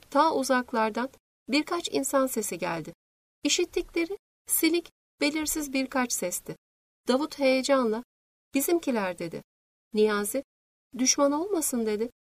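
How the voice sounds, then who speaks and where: Woman narrator, audiobook, high voice, dry close sound. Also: no room sound. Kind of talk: scripted narration.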